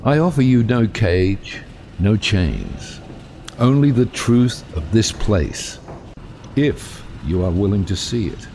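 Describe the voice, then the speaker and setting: A world-weary, defiant submarine captain in a radio drama. His voice is very low and gravelly, swinging widely in pitch as he speaks slowly and grandly. A heavy rumble runs behind him. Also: big pitch swings, a little mellow, heavily acted. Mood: solemn, persuasive. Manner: grandiose, deliberate, theatrical delivery. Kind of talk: dramatic audio drama acting.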